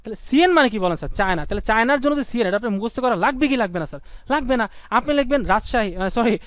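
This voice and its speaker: A young Bangladeshi man teaches a live online class with a very high, quick voice, pushing students to call out answers and repeating key points over and over. He is playful and jokey. His voice comes through smooth and clear in a dry, close sound. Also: animated, no room sound. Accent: Bangladeshi Bengali. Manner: calls on students to shout answers, drills by repetition; playful, slips into sung lines and mock phrases.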